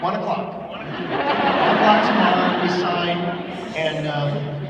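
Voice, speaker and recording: A man's voice: sits high, lively intonation, slow, over a noisy crowd. A man on a live panel, casually bantering and giving playful, easygoing, rambling answers to fans. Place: large hall at a convention panel. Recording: echoey hall, distant, muffled, noisy room.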